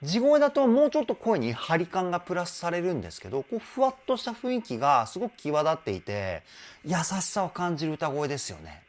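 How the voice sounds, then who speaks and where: Lively, animated male vocal coach. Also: a little high, fairly quick, hardly any pauses. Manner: enthusiastic, explains with sung demonstrations. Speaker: vocal trainer. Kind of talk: vocal analysis commentary.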